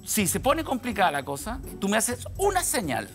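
A man's voice: high-pitched, normal speed, faint music behind. A middle-aged Chilean man, a comedian guest in a TV studio, telling a comic anecdote and acting out every line of dialogue. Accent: Chilean Spanish. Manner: animated, acts out dialogue and sound effects.

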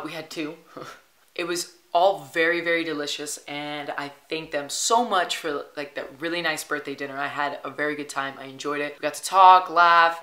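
A young woman in her twenties talks through her week in a casual vlog, chatty and upbeat, dropping "like" all the time. Her voice sits low for a woman but comes across bright and crisp. The room around her rings with a noticeable echo. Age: 20s. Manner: chatty and upbeat, heavy use of "like". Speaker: travel vlogger.

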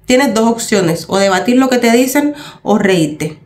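A woman's voice: on the high side, animated, a little slow, a little mellow. A woman in her thirties with a Cuban Spanish accent, talking casually to her vlog viewers in an emphatic way, repeating phrases for stress. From Cuba. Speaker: vlogger mother.

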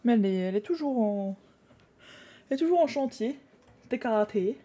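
A woman's voice: fairly high pitch, animated, brisk, warm tone. Chatty young French-speaking woman streamer. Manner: chatty, laughs often, mutters to herself while drawing. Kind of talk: casual live-stream chat while drawing.

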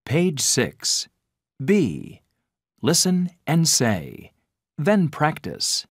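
Deep-voiced woman reading textbook cues. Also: wildly swooping pitch, no echo, clean studio sound. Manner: slow, clear announcing of page numbers and tasks. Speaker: course audio narrator. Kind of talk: scripted textbook instructions.

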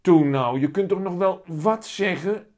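A man doing a high, excited little boy. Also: measured pace. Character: young boy, shy and eager. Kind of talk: reading a children's book aloud.

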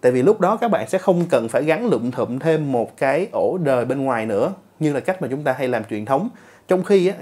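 A man's voice: fairly high pitch, darkish tone. A man reviewing a gadget in a chatty, casual way, talking straight to his viewers. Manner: chatty, addresses viewers directly with filler particles. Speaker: tech reviewer.

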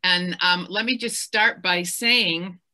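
Bright-voiced Scottish woman, chatty. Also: on the low side, takes it slowly. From west coast of Scotland. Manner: enthusiastic, chatty, many fillers. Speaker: interviewer. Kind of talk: casual book-event chat.

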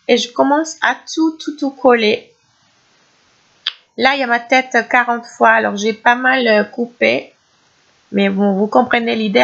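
Chatty woman with a gravelly voice. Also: on the high side, a bit bright, lo-fi sound. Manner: chatty, hesitant with many restarts and fillers. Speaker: craft tutorial host. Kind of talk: casual craft tutorial voice-over. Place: home craft workshop.

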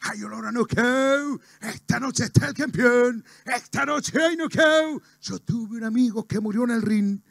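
A man's voice: extremely high pitch, measured pace, gravelly, hardly any pauses, a bit bright, no echo, clean studio sound, voice pushed up, exaggerated voice. A man voicing an old-school TV boxing announcer with dramatic, showy delivery.

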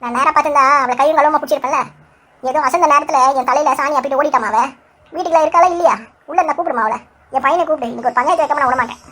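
Woman doing a sharp-tongued mother-in-law type in a cartoon, high-pitched and fast, bossy and sarcastic. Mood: accusing. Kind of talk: cartoon voice acting.

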